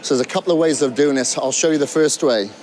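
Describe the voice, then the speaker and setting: A man's voice: on the high side, fast talker, darkish tone, faint music behind. A man coaching beginners through a gym workout, talking while he demonstrates exercises and sometimes out of breath. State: out of breath at times. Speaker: fitness trainer.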